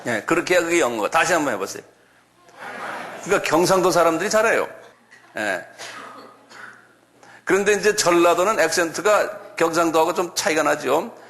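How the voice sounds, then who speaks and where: A middle-aged man teaching a slow, step-by-step classroom Bible lecture, often asking the class to repeat words aloud. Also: fairly high pitch, expressive, a bit bright. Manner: chuckles, talks directly to students.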